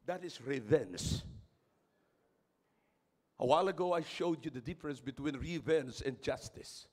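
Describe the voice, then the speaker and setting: A man with a Filipino accent preaching a sermon in church, mixing English and Tagalog, calling out to his congregation and rising to shouts. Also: on the high side, measured pace. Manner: switches between English and Tagalog, calls out to congregation; loud, dramatic preaching with shouting peaks. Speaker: pastor.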